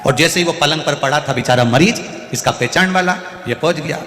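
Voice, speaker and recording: A man giving an animated, humorous devotional sermon to a large gathering. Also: a little high, fairly quick. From Sehore, central India. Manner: lively, animated, humorous storytelling. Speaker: kathavachak. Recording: echoey hall with faint music.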